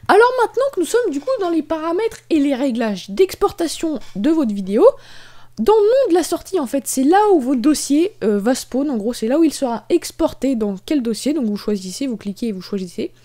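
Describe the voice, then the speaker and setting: High and sing-song with a warm tone, this young woman's voice moves along fairly quickly as she walks viewers through editing a video in a screen-recorded software tutorial. Her style is relaxed, full of fillers.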